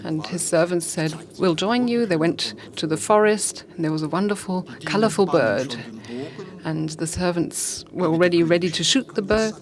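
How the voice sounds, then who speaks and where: A woman giving a talk on fasting, telling a parable slowly with pauses and fillers. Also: fairly low pitch, crowd noise. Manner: slow, pausing, with fillers. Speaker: speaker on fasting. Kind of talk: storytelling talk.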